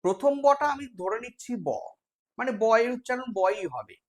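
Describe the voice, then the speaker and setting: Leading an exam-prep class live online, a West Bengal–accented man walks through material step by step and tests his students with questions. He talks at a moderate pace in an extremely high pitch.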